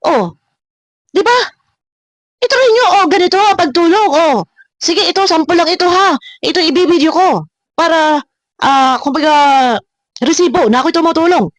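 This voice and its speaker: A woman's voice: very high-pitched, moderate pace, pauses often, no room sound. A woman hosting a reaction video, talking straight to her critics in a confrontational rant full of repeated words and rhetorical questions. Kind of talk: ranting reaction commentary.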